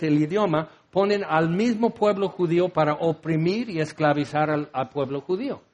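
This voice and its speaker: A man preaching a sermon, rambling and joking as he acts out the scene with voices. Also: sits high. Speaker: pastor.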